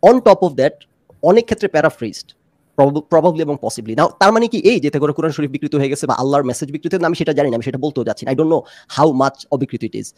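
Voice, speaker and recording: Fast-talking, argumentative Bangla man. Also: on the high side, lively intonation, a little mellow, no room sound, clean studio sound. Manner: argumentative, mixes English phrases into Bangla. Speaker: discussion panelist. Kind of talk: fast-paced debate.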